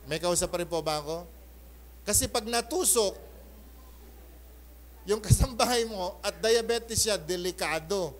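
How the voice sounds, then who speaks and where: A male pastor preaching a Sunday sermon in mixed Tagalog and English, animated, often calling for an amen and shifting between loud bursts and soft asides. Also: high-pitched, unhurried, pauses often. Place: church.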